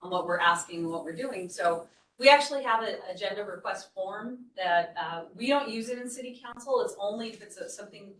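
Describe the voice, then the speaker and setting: A woman on city staff gives a board training in a meeting room, explaining conversationally and frequently restarting. Her mid-range voice is bright and forceful, with slight background noise, picked up by a distant mic in an echoey room.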